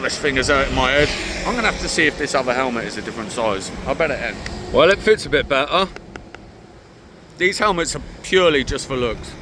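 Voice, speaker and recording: Chatty British guy vlogging over loud street noise. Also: mid-range voice. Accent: British English. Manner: chatty, thinking aloud, keeps saying "mate". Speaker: travel vlogger. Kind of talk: casual vlog talk to camera.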